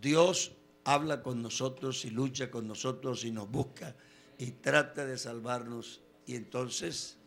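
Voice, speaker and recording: A man preaching a sermon, telling stories with quoted voices and sudden loud bursts. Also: medium pitch, takes it slowly, faint music behind.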